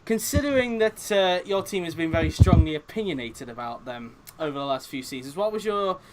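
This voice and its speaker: A man's voice: on the high side, expressive, fairly quick, very noisy. A man hosting an online racing league press conference, reading out questions with lots of fillers. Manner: reads out chat questions, hesitant fillers. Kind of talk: casual online league chat.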